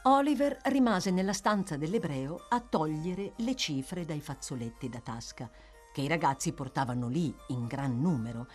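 A woman narrating a classic novel in a lively, theatrical reading style. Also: medium pitch. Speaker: audiobook narrator. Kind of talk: expressive literary reading.

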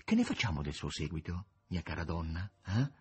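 A man voicing a grave, aloof devil with a husky voice. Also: low voice, sing-song, fairly quick, darkish tone, pitched below the performer's own voice, heavily acted. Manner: grave, reluctant.

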